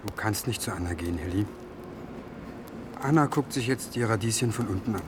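An actor playing a calm, blunt homeless man who delivers hard news in a matter-of-fact way, in a radio drama. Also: on the low side, a little fast, a little hiss or hum, natural voice.

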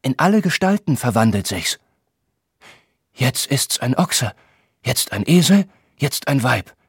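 A man's voice: medium pitch, sing-song, measured pace, husky, no echo, studio quality, voice pushed up, full character voice. A man voicing a frightened male servant in a Greek comedy, read aloud in an audiobook. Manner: alarmed, exclaiming. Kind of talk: audiobook reading.

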